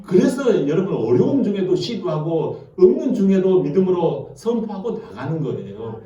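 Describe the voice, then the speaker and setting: Male pastor, sermon, asks congregation questions, high mellow voice, far from mic in a roomy church. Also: big pitch swings, normal speed, lo-fi sound. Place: church sanctuary.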